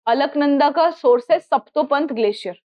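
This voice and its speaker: A woman's voice: high voice, normal speed, a little mellow. A woman with an Indian accent teaching geography for exam prep, repeating mnemonics and quizzing her students. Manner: repetitive, drills mnemonics, asks students questions. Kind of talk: classroom lecture mixing Hindi and English.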